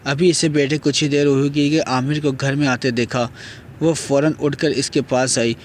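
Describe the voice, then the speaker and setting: A man narrating an audio novel in a steady storytelling manner. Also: medium pitch, slight background noise. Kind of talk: reading a novel aloud.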